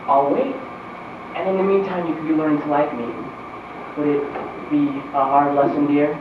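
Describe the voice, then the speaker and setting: A man playing a gentle, lovestruck young suitor in a period drama, polite, hesitant and pleading. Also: on the high side, flat delivery, normal speed, lightly acted. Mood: tender, pleading. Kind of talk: stage-style period drama acting. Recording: echoey distant muffled recording, clear noise.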